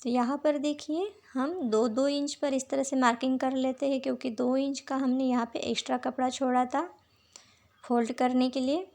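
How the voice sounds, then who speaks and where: A woman with a sore throat, calmly walking viewers through a sewing tutorial step by step. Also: high voice, moderate pace, gravelly. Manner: patient, repeats "dekhiye" while showing each step. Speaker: sewing teacher.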